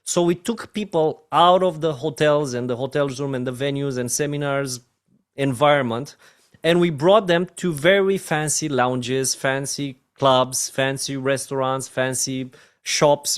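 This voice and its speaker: A man with a Romanian accent speaks in a mid-range voice, a little slowly. He's a network marketing trainer giving a training talk, and he delivers it emphatically, often checking in with listeners by asking "right?" and calling them "my friend."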